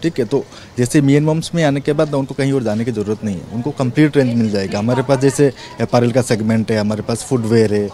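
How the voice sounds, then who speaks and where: A man's voice: mid-range voice, fast talker, hardly any pauses. A man in his thirties, an area sales manager, answering interview questions in a children's clothing store, speaking into handheld mics held close and often adding "right". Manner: talks in a relaxed way, tags many phrases with "right" and "okay". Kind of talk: on-camera interview. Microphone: handheld reporters' mics held close.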